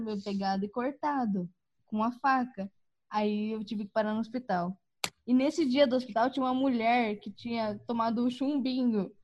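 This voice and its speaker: A woman telling a personal story in a casual chat, animated and laughing, acting out the voices of the people in it. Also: high voice.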